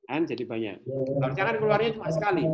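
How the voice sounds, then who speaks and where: A man's voice: fairly high pitch, sing-song, very fast. A male programming lecturer with an Indonesian accent, casually explaining code in a live class, repeating himself as he thinks aloud. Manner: repetitive, thinks aloud while demonstrating.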